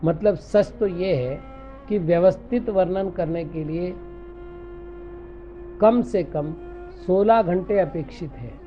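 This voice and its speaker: A man, a monk teaching scripture, who recites verses deliberately and then explains them in a patient way. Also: high voice. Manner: patient, explanatory, corrects common misreadings. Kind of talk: scripture lecture in Hindi. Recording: dull lo-fi recording with faint music.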